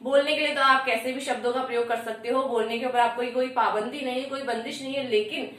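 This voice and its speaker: A woman teaching an exam-prep grammar lesson in a high voice, stating each rule and then asking her own questions and answering them. She sounds far from the microphone, in a strongly echoing room. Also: steady tone, fast talker, fairly bright tone. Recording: echoey room, far from the mic.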